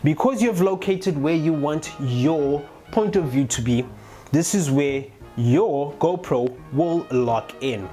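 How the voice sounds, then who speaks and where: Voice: medium pitch, expressive, slow pace, mellow. A chatty vlogger of unclear sex giving a casual how-to explanation and speaking directly to viewers. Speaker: motovlogger presenting a gear tutorial. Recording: music playing behind the voice. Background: background music.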